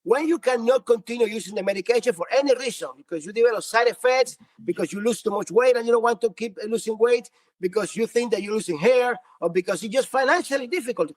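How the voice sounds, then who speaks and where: With a very high voice and no echo, a man in his fifties from Cuba answers podcast interview questions as the physician guest. Spanish is his first language, his accent is Cuban Spanish, and his earnest replies include many restarts.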